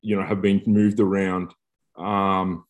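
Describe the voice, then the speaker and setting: A man's voice: low voice, little pitch movement, slow, lo-fi sound. A man chatting casually on a podcast in a blokey, joking, slangy way. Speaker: podcast co-host, rugby player turned coach.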